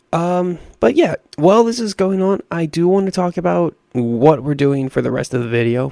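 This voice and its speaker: A young man with a raspy voice giving rambling, self-deprecating commentary over a video game. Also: medium pitch, a little mellow, dry recording, clean studio sound. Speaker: gaming YouTuber. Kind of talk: casual gameplay commentary.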